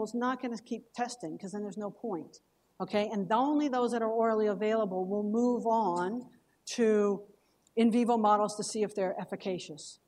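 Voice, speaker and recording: A woman's voice: medium pitch, a little mellow. A woman giving a scientific lecture as a cancer researcher, explaining in a conversational way and checking in with her audience. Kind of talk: academic lecture.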